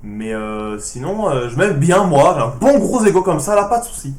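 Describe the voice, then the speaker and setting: A man's voice: on the high side, expressive, moderate pace. Sarcastic young-sounding man in an echoey room. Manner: dry, sarcastic answers, hushed voice. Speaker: YouTuber answering fan questions. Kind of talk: casual Q&A vlog.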